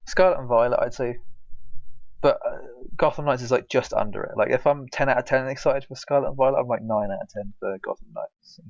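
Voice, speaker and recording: A man co-hosting a casual podcast chat, talking in a halting, rambling way with fillers and restarts, on a dull lo-fi recording. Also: medium pitch, creaky, no room sound. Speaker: podcast co-host.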